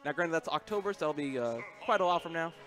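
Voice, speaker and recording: Young man, rapid talker, bright voice, headset commentator, upbeat and rambling, faint music behind. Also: on the high side, lively intonation. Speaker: esports commentator and event organizer. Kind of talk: live tournament commentary. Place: small game center room with shelves.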